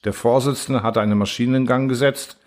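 A man narrating an audiobook in the first person, with a middle-pitched voice. His reading is steady and measured, and he carries long sentences calmly. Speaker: audiobook reader.

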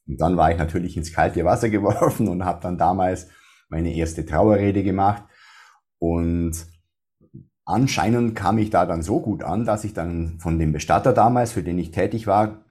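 This dark-toned, deep bass-baritone belongs to a funeral speaker from Swabia, Germany, whose accent is faintly Swabian. In a casual interview he keeps a measured pace but often restarts and leans on fillers.

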